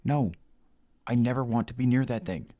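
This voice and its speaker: A man's voice: mid-range voice, moderate pace, warm tone, dry recording, pitched above the performer's own voice, natural voice. A man voicing an anxious young woman house-sitting a farm, tense and pleading as she insists. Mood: alarmed.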